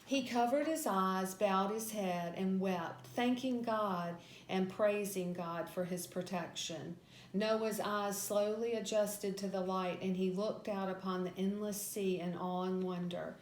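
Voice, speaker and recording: A woman with a mid-range voice reads a scripted Bible story as a Sunday school teacher. Her delivery is that of a storyteller working through a narrative. The room is clearly echoey, with faint noise behind her. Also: mid-range voice, fairly even intonation, unhurried. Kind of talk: reading a scripted Bible story lesson aloud.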